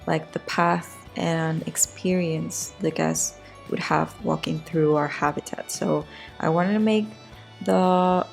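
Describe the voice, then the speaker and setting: Woman, low gravelly and raspy voice, informal game-build narrator who rewords as she goes. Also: fairly even intonation, slow. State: raspy voice today. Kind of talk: casual voice-over commentary on a game build. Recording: music behind the voice. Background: background music.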